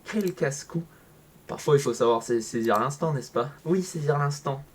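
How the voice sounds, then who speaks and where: Reading a visual novel's dialogue at a fairly quick clip, the mid-range-voiced man peppers his casual let's-play with sarcasm. He alternates flat delivery with loud outbursts, and his home microphone picks up a little hiss or hum.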